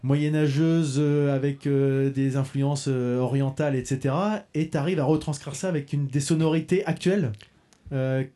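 A man's voice: medium pitch, fairly even intonation, normal speed, warm tone. A man from Normandy hosting a podcast, interviewing an artist at a festival with a hesitant, chatty delivery full of fillers. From Normandy, France. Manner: hesitant, friendly, many fillers. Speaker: podcast host. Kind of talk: casual interview. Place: outdoor music festival.

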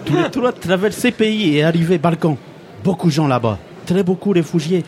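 A man's voice: high voice, animated, moderate pace, crowd noise. A man voicing a cheerful, naive male refugee from a made-up Balkan country, with a put-on foreign accent and broken French grammar in a comic radio sketch. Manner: broken French, dropped verbs and articles.

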